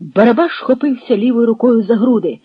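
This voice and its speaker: A narrator giving an expressive dramatic reading of historical fiction, in an old radio recording. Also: mid-range voice, brisk, husky, dry recording, highs cut off.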